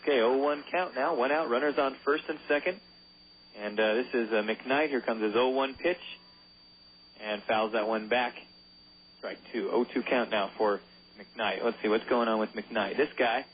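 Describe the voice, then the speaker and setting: A man's voice: mid-range voice, moderate pace, slightly rough. Joking man calling baseball over a tinny line. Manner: loose and joking, stumbles over names. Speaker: play-by-play announcer. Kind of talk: radio baseball play-by-play. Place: ballpark broadcast booth. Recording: phone-line quality with faint hiss.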